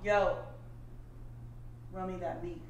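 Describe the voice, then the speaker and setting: A woman's voice: fairly low pitch, level tone, slow, muffled recording. A woman acting a bold, scheming young woman in a comedy sketch, sly and commanding. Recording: echoey room with clear background noise.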